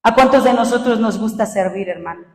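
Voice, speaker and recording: A woman preaching a sermon, animated and raising her voice to a shout for emphasis. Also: a little high, a little fast. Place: church hall. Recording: echoey church hall.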